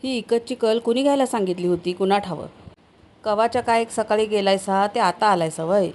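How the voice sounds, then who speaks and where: A sharp-tongued village wife , as a woman reading the story puts her on scolds her husband. She talks in quick, needling questions, a storybook voice of steady middle pitch. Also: close to an everyday voice. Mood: nagging.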